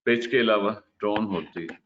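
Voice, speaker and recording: Deep-voiced man teaching a lesson. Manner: explains slowly, mixes English terms into Hindi-Urdu, frequent "ठीक है" check-ins. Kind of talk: lecture on communication. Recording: slightly dull recording with faint hiss.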